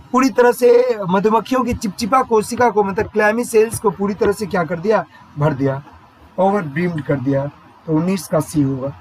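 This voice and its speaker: A man teaching a lesson, explaining lines of a poem slowly and repetitively, asking questions and answering them himself. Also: high-pitched, rough recording. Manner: slow, repetitive explaining that asks and answers his own questions. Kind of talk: exam-prep lesson explaining English poetry. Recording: faint background noise.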